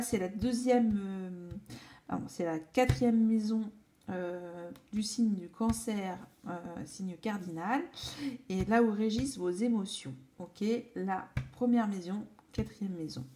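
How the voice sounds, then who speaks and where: A woman reading tarot cards at an unhurried, slow pace. She talks casually and warmly enthused, pausing often on fillers and starting phrases over. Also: medium pitch. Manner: hesitant, many fillers and restarts, enthusiastic. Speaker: tarot reader.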